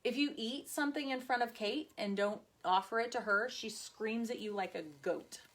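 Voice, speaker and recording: A woman's voice: fairly high pitch, moderate pace, fairly bright tone, rough recording. A woman, chatting casually as host of a craft livestream and reading out viewer comments. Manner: chatty, bubbly, says y'all, reads out viewer comments. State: tired, busy mother. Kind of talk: casual chat on a live video.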